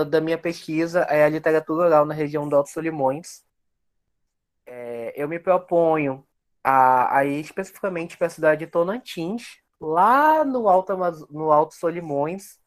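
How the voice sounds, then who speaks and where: In a casual interview, a young researcher from Amazonas, Brazil, talks reflectively and at length about his work. He has a fairly high-pitched voice and keeps a moderate pace.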